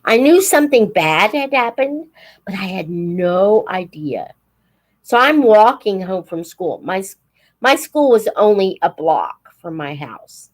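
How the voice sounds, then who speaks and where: Very animated, with a mid-range voice, a woman from the United States in her seventies reminisces as host of a live stream. Her talk is reflective and halting, with pauses mid-sentence and recalled lines spoken aloud.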